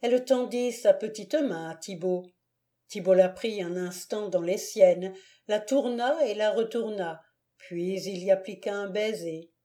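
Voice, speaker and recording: Slow, mellow woman narrator. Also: medium pitch. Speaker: audiobook narrator. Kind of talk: scripted narration of a classic novel.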